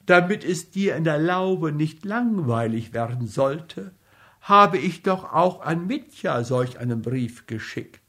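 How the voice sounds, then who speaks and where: A man's voice: fairly high pitch, animated, slow, a bit bright, voice pushed up, heavily acted. A man reading aloud and voicing a playful, mocking middle-aged wife in a storybook reading. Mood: teasing. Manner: mocking, teasing.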